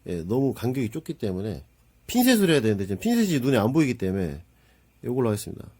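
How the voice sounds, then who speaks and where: A man talks casually over a hobby model build, exclaiming and muttering as he fiddles with small parts. His voice is slightly husky and swings widely in pitch, jumping up with excitement and sinking into low asides. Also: quick pace. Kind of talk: casual hands-on hobby narration.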